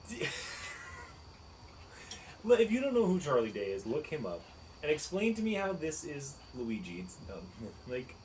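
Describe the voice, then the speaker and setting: A man co-hosting a podcast in casual chat, animated and incredulous, laughing often. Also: on the high side, slight background noise, low-quality recording. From United States. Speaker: podcast co-host.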